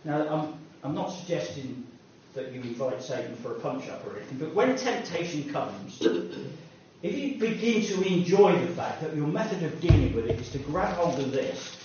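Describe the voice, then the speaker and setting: A man with a fairly high, slightly mellow voice delivers a sermon in a chatty, self-deprecating style, dropping in personal asides. He's picked up from afar by a room mic in an echoey hall, so the sound is dull and carries a little background noise.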